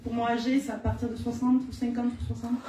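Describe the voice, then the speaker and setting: A woman with a southern French accent works as a spirit medium, addressing a live audience in a plain, informal manner. Her voice is fairly high, flat and fast. The live-streamed event is in an indoor hall, heard through a distant mic in an echoey room with background noise.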